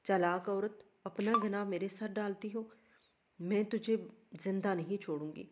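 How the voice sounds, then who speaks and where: A woman voicing a spiteful, threatening sister-in-law with a harsh, shouting manner. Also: medium pitch, steady tone, dull audio, background noise, close to an everyday voice. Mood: furious.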